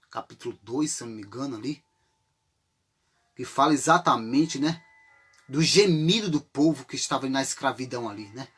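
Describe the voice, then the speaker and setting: Animated husky Brazilian preacher. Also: male voice, mid-range voice. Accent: Brazilian Portuguese. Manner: conversational, full of rhetorical questions and tag questions; acts out desperate cries for help. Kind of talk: informal sermon on a psalm.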